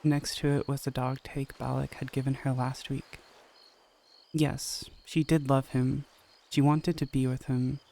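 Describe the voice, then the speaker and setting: Calm man narrating in a flat, mellow voice. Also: medium pitch, unhurried, gravelly. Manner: calm, steady storytelling. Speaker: audio story narrator and channel host. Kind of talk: scripted narration.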